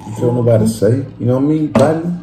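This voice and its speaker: A man's voice: mid-range voice, fast talker, echoey room, noisy background. A man with a Mississippi accent, bantering and joking with his wife during a casual mukbang. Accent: Mississippi, Southern US. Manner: joking, laid-back banter. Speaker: co-host, husband.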